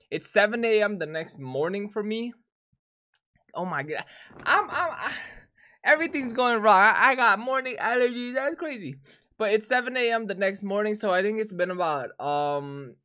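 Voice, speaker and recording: Young guy, rough morning voice, slangy rambly vlog chat, pitch bouncing all over. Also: a bit bright. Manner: slangy, rambling, repeats himself. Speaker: reaction video host. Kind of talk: casual reaction vlog chat.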